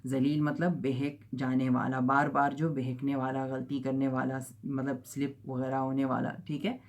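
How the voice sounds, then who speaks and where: Man slowly modeling Arabic letter sounds. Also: medium pitch, monotone. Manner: slow, drawn-out model sounds, frequent "theek hai?" checks. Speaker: Arabic teacher. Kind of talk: pronunciation lesson.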